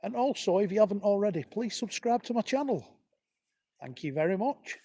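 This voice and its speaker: High-pitched man with an East Lancashire accent. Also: animated, brisk, warm tone, husky, no room sound. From East Lancashire, England. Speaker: livestream host. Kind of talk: casual live planespotting commentary.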